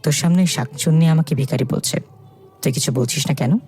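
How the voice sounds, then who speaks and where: A narrator voicing a hot-tempered, theatrical young woman, huffy and quick to bicker. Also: medium pitch, a little mellow, breathy edge, soft background music, natural voice.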